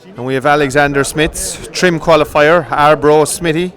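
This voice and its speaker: A man giving live commentary on greyhound coursing from an outdoor field, brisk and rising with excitement during the runs. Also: on the high side. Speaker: race commentator.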